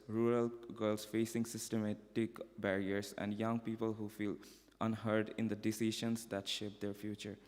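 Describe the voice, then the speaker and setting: A young man from Bangladesh giving a prepared personal testimony at a conference, in a measured, earnest delivery with occasional restarts. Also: lowish voice, a little mellow. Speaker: conference speaker. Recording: echoey hall reverb.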